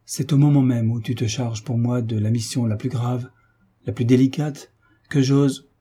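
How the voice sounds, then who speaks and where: A man's voice: mid-range voice, steady tone, normal speed, dark tone, husky, lightly acted. A man voicing an anguished young nobleman in love in a read-aloud novel, speaking in impassioned despair.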